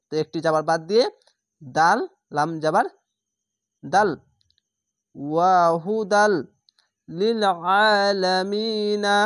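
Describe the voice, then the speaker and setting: Woman slowly spelling out recitation. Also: lowish voice, no room sound, clean studio sound. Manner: spells each letter and vowel, then blends the word slowly. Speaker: Quran reading teacher. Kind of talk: slow spelled-out recitation lesson.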